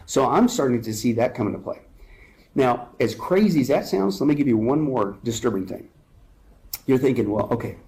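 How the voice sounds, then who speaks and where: A man's voice: mid-range voice, dark tone. A man speaking as a guest in an interview, urgent and emphatic, building his points with rhetorical questions. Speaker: guest speaker on end-times prophecy.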